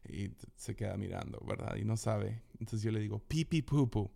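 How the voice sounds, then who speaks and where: A young adult man tells stories in a casual conversation, animatedly acting out quotes and laughing often. His voice is fairly low and gravelly, and he talks a little fast.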